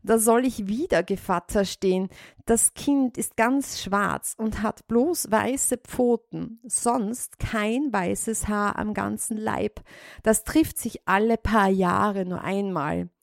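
A woman's voice: medium pitch, takes it slowly, creaky, dry recording, studio quality. A woman voicing a sly, greedy female cat in a storybook reading, with a smug, honeyed manner.

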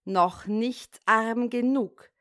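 A small, vengeful sparrow, put on by a woman reading a fairy tale jeers in a raised, sharp voice. The delivery is slow and deliberate, pitched fairly high. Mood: taunting. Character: vengeful defiant little sparrow.

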